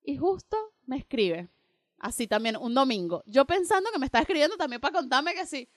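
A young woman co-hosting a radio show, casually telling a personal story and acting out both sides of the dialogue in an animated way. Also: high voice, fairly quick, dry recording, studio quality. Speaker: radio co-host.

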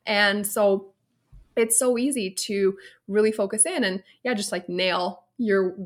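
A woman in her late thirties, originally from Romania, talks as a guest on a podcast. She tells her story in an open, reflective way, with a voice of middling pitch. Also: fairly even intonation, unhurried. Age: 30s. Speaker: personal stylist, podcast guest. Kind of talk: casual interview chat.

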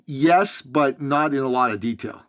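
An Iranian man with a mid-range voice hosts a casual podcast interview. He's easygoing and quick to laugh at himself.

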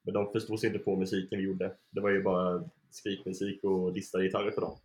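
A man's voice: deep voice, roomy sound. A young man from Sweden, a band member being interviewed, talking casually with lots of fillers and easy laughter. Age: young adult. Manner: relaxed, laughs often, many fillers.

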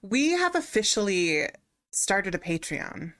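A woman's voice: mid-range voice, sing-song, slow, a bit bright. A young woman co-hosting a podcast in a giggly, laid-back, playful way. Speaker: podcast co-host. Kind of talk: casual chat.

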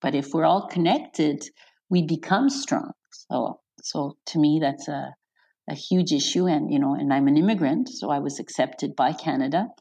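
A woman's voice: low-pitched, moderate pace, slightly rough. A middle-aged woman from Croatia, a guest in an interview, talking casually and laughing often. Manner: chatty, warm-hearted, laughs often, restarts sentences. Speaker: interview guest, elected official.

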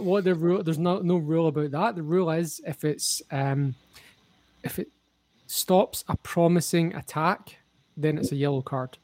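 A man's voice: a little high, no room sound. A man co-hosting a casual football podcast, opinionated and explaining the rules at length. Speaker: podcast co-host.

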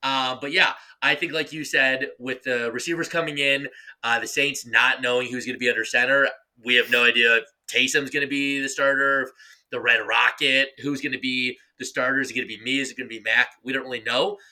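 A man's voice: medium pitch, steady tone, fairly quick, pushed and bright. A man co-hosting a sports podcast, chatting casually and teasing his co-host in a playful, rambling way.

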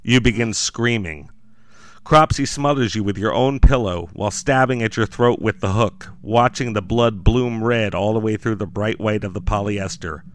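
A man's voice: on the low side, normal speed, no echo. A man narrating a scary story in a suspenseful, crime show manner, dramatic and scripted with dry humour. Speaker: podcast host and storyteller.

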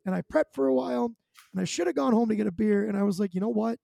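High, gravelly-voiced male podcast host. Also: quick pace, warm tone, no echo. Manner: chatty, rambling, self-deprecating. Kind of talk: casual podcast chat.

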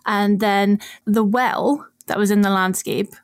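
A woman's voice: mid-range voice, steady tone, measured pace, vocal fry, clear, resonant tone, dry recording, studio quality. A woman co-hosting a podcast, explaining archaeology in a chatty, casual way and laughing often. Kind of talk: casual chat.

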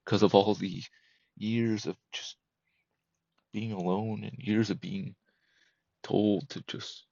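A man in his thirties, a podcast guest, talking candidly and emotionally in a halting, repetitive way that keeps circling back. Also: fairly low pitch, little pitch movement, creaky, a little mellow, dry recording, lo-fi sound. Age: 30s. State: emotional, close to breaking. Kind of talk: candid personal conversation.

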